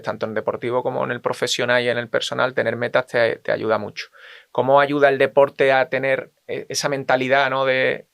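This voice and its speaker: Gravelly, hesitant Spanish podcast host. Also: male voice, medium pitch, fairly bright tone, no room sound, clean studio sound. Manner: hesitant, many fillers and restarts. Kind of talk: interview questions.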